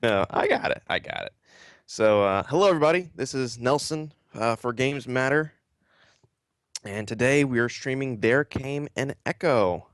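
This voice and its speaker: A man hosting a casual live-stream interview, joking and relaxed. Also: medium pitch, moderate pace, dry recording, clean studio sound. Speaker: interview host.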